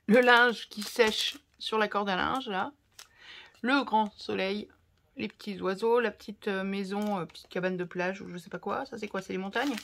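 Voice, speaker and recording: Chatty French woman with a bright voice. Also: mid-range voice, vocal fry, a little hiss or hum. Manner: chatty and expressive, talks to viewers while unpacking. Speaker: craft vlogger. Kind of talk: casual haul chat to camera.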